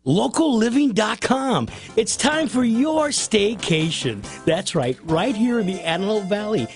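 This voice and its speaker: Gravelly, lively advert voice. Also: measured pace, music in the background. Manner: chirpy, breezy sales pitch. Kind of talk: radio-style advert read.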